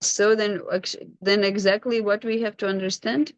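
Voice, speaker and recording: A woman's voice: medium pitch, little pitch movement, moderate pace, dry recording. Patient woman teaching online class, dry. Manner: patient, questioning, prompts students. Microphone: video call. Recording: dull lo-fi video call audio.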